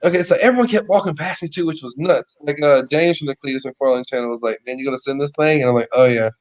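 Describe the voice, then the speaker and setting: A man's voice: on the high side, fast talker, muffled recording. A man telling a story in casual podcast chat, rambling with lots of "like" and "you know", heard over a remote call.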